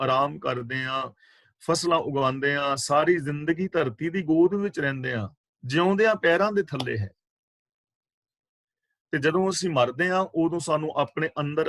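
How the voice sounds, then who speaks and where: A man giving a scripture exposition class on a video call, explaining patiently and repeating key words in a measured way. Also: on the high side, fairly bright tone, dry recording. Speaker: Sikh scripture teacher. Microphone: video call microphone.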